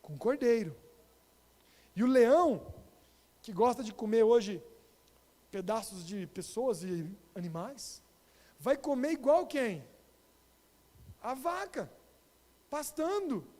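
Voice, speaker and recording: A Brazilian pastor with a Brazilian Portuguese accent, telling a story in an animated sermon and addressing the congregation directly. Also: male voice, extremely high pitch, slow, pauses often. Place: church. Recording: long reverb of a church hall.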